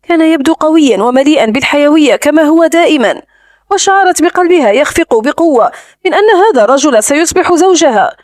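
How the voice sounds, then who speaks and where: A woman narrating a romance novel audiobook in a smooth, even storytelling manner, close to the mic. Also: sits high, quick pace, dry recording.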